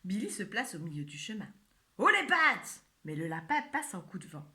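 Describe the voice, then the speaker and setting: A woman reading a children's picture book aloud in an expressive, playful way. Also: lowish voice, fast. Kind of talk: read-aloud storytelling.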